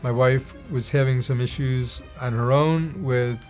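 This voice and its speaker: A middle-aged man giving a personal testimony in an animated storytelling manner, acting out the dialogue he recalls. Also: mid-range voice, unhurried, faint music behind. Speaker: testimony speaker.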